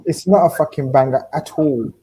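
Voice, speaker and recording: With a fairly high, slightly rough voice and a brisk pace, this man runs a football watchalong. He mixes live match commentary with casual chat and reacts out loud to the action, swearing as he goes.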